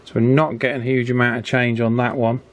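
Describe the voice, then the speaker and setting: Talking fast in a mid-range voice with little pitch movement, this hobbyist demonstrates radio alignment at an indoor workbench. He keeps it informal, thinking aloud through a casual hands-on lesson. Noise from the bench is clearly audible in the background.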